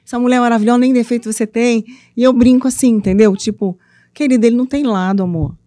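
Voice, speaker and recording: Guesting on an interview, this mineiro author and mentor for women, middle-aged and from Minas Gerais, Brazil, recounts her story in a slightly high voice at a fast clip. She is lively and teasing, voicing other people's words herself, and the recording is dry.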